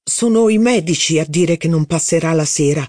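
A man's voice: on the high side, normal speed, a little mellow, no echo, clean studio sound, close to an everyday voice. A man reading the lines of an anxious, servile footman in an audiobook. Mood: eager. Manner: deferential, reporting news eagerly.

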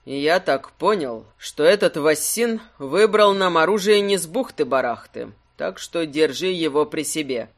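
A man doing a low, wry rogue. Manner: calm, wry, low and unhurried. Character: easygoing, wry male rogue adventurer.

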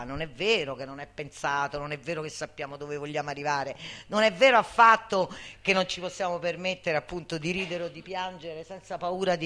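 Her voice deep but a bit bright, an older activist with years of experience gives a passionate, informal talk to others as a guest speaker. She's emphatic, often tacking on tag questions to draw agreement.

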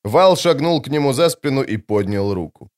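A man's voice: medium pitch, lively intonation, moderate pace. A man narrating a fantasy audiobook expressively, giving the characters their own voices.

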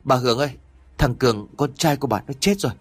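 A man doing a hurried neighbor with bad news. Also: medium pitch, expressive, dry recording, soft background music, natural voice. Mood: urgent. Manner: rushed, urgent.

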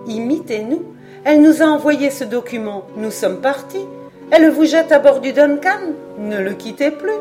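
A woman voicing a gracious Scottish lady who speaks in a soft, engaging, persuasive way. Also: sits high, lively intonation, normal speed, faint music behind, voice pushed up.

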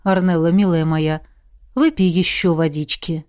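A woman's voice: lowish voice, steady tone, a little slow, a little mellow, natural voice. Firm commanding nobleman, short decisive lines, audiobook, by a woman narrator. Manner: curt, categorical.

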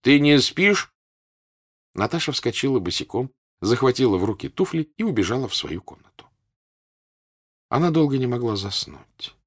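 A man with a husky voice reading literary narration for an audiobook, expressive and melodic. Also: medium pitch, normal speed. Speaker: audiobook reader.

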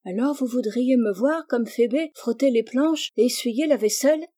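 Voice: medium pitch, moderate pace, dark tone, voice pushed up, lightly acted. Shy polite little girl, bit hesitant, a touch vain, reader doing her voice.

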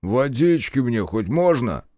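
Male narrator doing a protesting hungover storekeeper, crude talk, lively swooping voice, audiobook. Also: medium pitch, measured pace, no echo, clean studio sound. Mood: aggrieved pleading. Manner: whiny, protesting, crude slang. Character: hungover tied-up male storekeeper, aggrieved, pleading.

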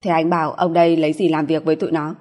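A woman's voice: sits low, flat delivery, rapid-fire, darkish tone. A woman voicing a brash, cocky male mercenary who talks coarsely and swears, read in a long reverb.

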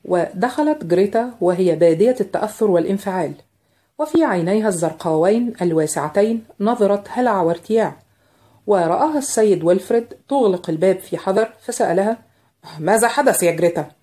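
A woman's voice: medium pitch, fast talker. Woman narrating a novel. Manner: steady storytelling. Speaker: audiobook narrator. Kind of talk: scripted narration.

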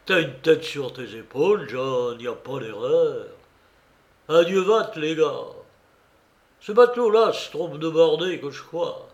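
A man voicing a rough, superstitious sailor, loud and excited, in a dramatic novel reading. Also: a little high, a little slow, dull audio. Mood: eager.

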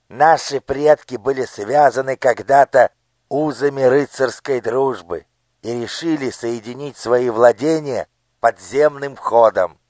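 A man voicing a cruel male minister with a squeaky, shrill voice in an audiobook. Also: no room sound, lightly acted. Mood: scheming. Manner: menacing, shouting threats. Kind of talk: audiobook character voice.

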